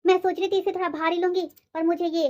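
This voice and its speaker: A woman playing a spoiled, demanding married daughter who whines loudly in a comedy skit. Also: extremely high pitch, level tone, quick pace, highs cut off. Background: background music.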